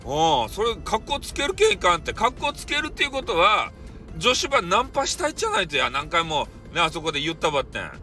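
Bright-voiced man with a Hakata accent. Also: very animated, faint music behind. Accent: Hakata dialect. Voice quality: teasing, jumpy pitch, drawn-out dialect vowels. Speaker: audio streamer. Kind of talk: casual chat monologue.

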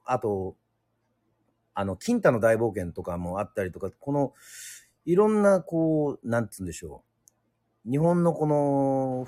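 A man from Yoron Island hosting a casual solo radio talk, speaking hesitantly with many fillers and pauses. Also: on the low side, darkish tone, dry recording, clean studio sound. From Yoron Island, Japan. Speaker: radio show host.

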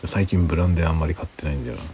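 A tipsy man rambling casually in a hushed late-night solo chat as a livestream host. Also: very deep voice, very fast, a little hiss or hum. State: drinking alcohol, tipsy.

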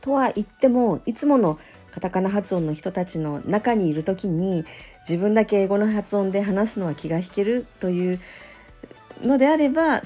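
A woman who teaches English pronunciation, talking alone on her podcast in a gentle, thoughtful way with many small fillers. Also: medium pitch. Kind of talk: solo podcast talk.

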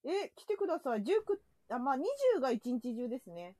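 A woman co-hosting a casual talk show, bubbly and quick to laugh and react. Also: high-pitched, big pitch swings, mellow. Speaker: co-host. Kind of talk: casual chat.

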